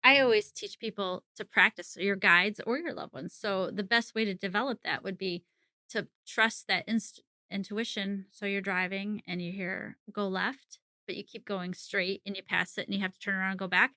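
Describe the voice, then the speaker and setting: Middle-aged woman guest, bright forceful voice, dry close sound, chatty with frequent laughs. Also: medium pitch, fairly even intonation, moderate pace, no echo. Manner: chatty, laughs often mid-sentence. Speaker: psychic medium guest. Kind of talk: casual interview conversation.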